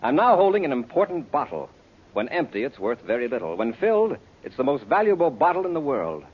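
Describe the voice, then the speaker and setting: An American actor playing an earnest, authoritative space patrol commander in a 1950s radio adventure serial. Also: male voice, mid-range voice, big pitch swings, brisk, breathy edge. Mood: solemn, earnest. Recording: noisy muffled old radio recording.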